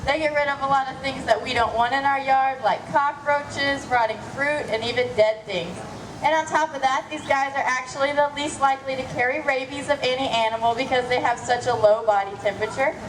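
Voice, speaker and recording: Casting: female zoo educator with a high voice, scripted live show, echoey and noisy sound. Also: fairly even intonation, brisk.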